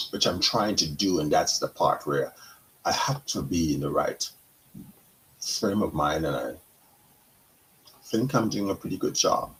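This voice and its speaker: A middle-aged man from Guyana, a counselor hosting a talk show, speaking in a slow, deliberate monologue with pauses and self-corrections. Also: sits low, gravelly, low-quality recording.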